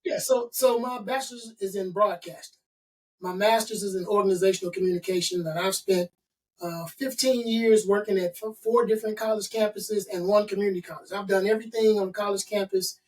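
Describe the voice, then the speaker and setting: A consultant and author in middle age, from Chicago, USA, gives an interview in a motivational, emphatic style, listing point after point. His voice sits high with a steady tone and a fairly quick pace. Audio is poor, with the mic placed at a distance.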